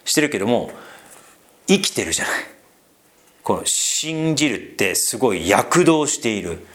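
A man preaching a sermon as pastor, conversational and animated, with frequent fillers and asides to the congregation. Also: mid-range voice, normal speed.

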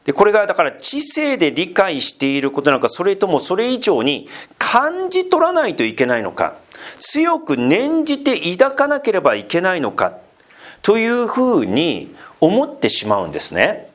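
A man's voice: high-pitched, huge pitch swings, moderate pace. A man preaching a casual, conversational sermon as pastor, full of fillers and asides, asking the congregation questions and teasing them. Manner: chatty, asks the congregation questions and teases them.

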